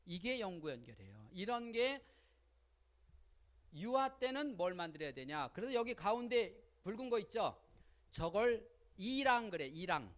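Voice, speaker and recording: A woman giving a lively seminar lecture on parenting, speaking colloquially, often asking the audience questions and acting out little quotes. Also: mid-range voice, a little slow. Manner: colloquial, with frequent rhetorical questions and acted-out quotes.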